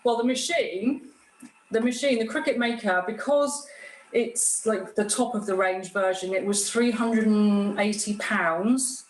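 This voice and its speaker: A woman's voice: mid-range voice, measured pace. A woman giving an informal hands-on demonstration, explaining each step in a plain-spoken way. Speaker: guest craftsperson demonstrating a cutting machine. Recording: roomy echo with clear background noise.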